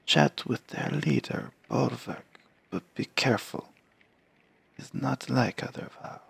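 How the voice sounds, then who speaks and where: A man voicing an old male giant scribe, speaking slowly in a soft, half-whispered way. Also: medium pitch, creaky, husky, no echo, pitched above the performer's own voice, exaggerated voice. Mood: hushed, measured.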